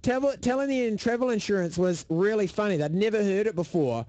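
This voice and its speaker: A man's voice: sits high, brisk. A man with a New Zealand accent co-hosting a radio show, telling stories in playful banter. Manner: animated, playful storyteller. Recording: radio broadcast played back.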